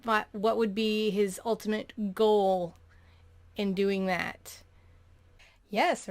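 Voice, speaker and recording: A woman, hosting a show where she reads funny stories aloud and adds wry, chatty comments. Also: medium pitch. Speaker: podcast host reading stories.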